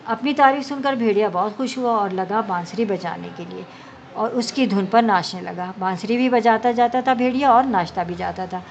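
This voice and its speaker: Lady teacher reading a kids story, stops to explain stuff simply, dull lo-fi sound, faint hum behind. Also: mid-range voice. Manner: reads a line then explains it in simple words.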